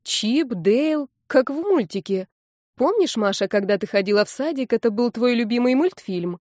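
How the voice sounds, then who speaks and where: A woman's voice: a little high, lively intonation, normal speed, a little mellow, no room sound, studio quality, natural voice. A woman reading an audiobook, voicing a middle-aged mother who scolds her grown children and pries with curiosity. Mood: curious.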